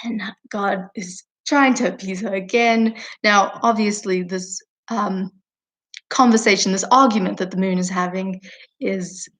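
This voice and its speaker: A woman's voice: mid-range voice, fairly even intonation, a little slow, fairly bright tone. A woman teaching a lesson by retelling an old story in a chatty, informal way with frequent fillers.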